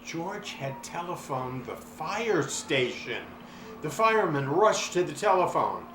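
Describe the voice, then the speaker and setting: A man reading a children's storybook aloud with expressive, dramatic delivery and drawn-out words. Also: on the high side, music in the background. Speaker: story reader. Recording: roomy echo, clear background noise.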